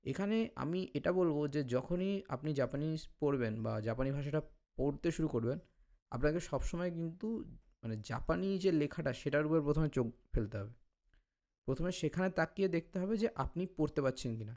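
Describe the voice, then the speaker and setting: A man's voice: a little high, expressive, dark tone. Patient man teaching step by step. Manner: patient, step-by-step, sounds out syllables slowly. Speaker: language tutor. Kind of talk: explanatory tutorial talk.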